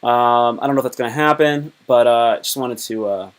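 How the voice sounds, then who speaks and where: A man's voice: mid-range voice, normal speed, a little hiss or hum. Rambling young man telling crude stories. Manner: rambling, full of fillers and restarts; crude, joking. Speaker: live streamer and stand-up comedian. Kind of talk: casual live-stream storytelling.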